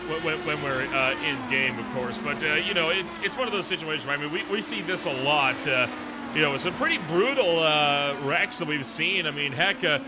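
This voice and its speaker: Male motorsport commentator, slightly high-pitched, conversational live race calling over clear engine noise. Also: fairly quick. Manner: conversational, checks points with "right?". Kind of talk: live sim racing play-by-play commentary.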